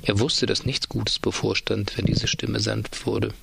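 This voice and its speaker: A man reading a story aloud in a dry, measured way. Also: lowish voice, little pitch movement, creaky, background noise. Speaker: narrator. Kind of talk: audiobook reading.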